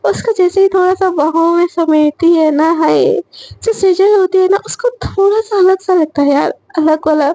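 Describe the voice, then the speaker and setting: A woman's voice: very high-pitched, moderate pace, mellow, no echo. A woman casually narrating a romantic story in a chatty way, slipping into each character's lines.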